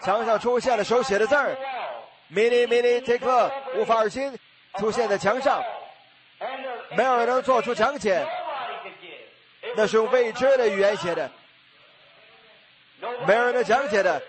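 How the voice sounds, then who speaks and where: Man, preacher, high pitch, emphatic sermon delivery, rhetorical questions, congregation in background. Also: normal speed, long pauses, crowd noise.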